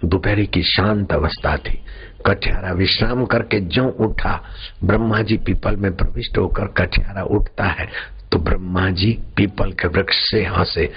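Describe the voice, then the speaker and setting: A man giving a sermon, telling a religious story in slow, drawn-out phrases with dramatic pauses. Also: low voice, steady tone, slightly rough. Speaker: spiritual preacher. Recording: dull lo-fi recording, faint background noise.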